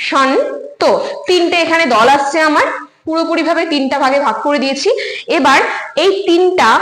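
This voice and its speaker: A woman's voice: very high-pitched, fairly bright tone, roomy sound, poor audio. A woman teacher giving an online lecture, explaining terms step by step, often repeating key words and checking whether students follow. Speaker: Bengali literature teacher.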